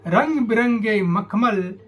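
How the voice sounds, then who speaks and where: Slow, high-voiced man reciting poems. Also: lively intonation, fairly bright tone. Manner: measured, repeats lines for emphasis. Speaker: poet.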